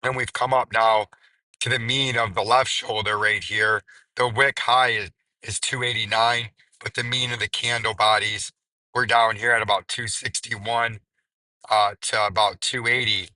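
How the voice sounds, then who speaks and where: A man hosting a market commentary video, hoarse and raspy, his strained voice nearly gone. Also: on the low side, flat delivery, measured pace, sharp tone, no room sound, rough recording. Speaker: crypto video host.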